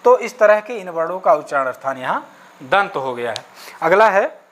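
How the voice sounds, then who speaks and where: A man's voice: fairly high pitch, big pitch swings, moderate pace, a bit bright. A man teaching an exam-prep Sanskrit grammar lesson, asking questions and answering them himself, checking in often with "okay", and spelling out sounds one by one.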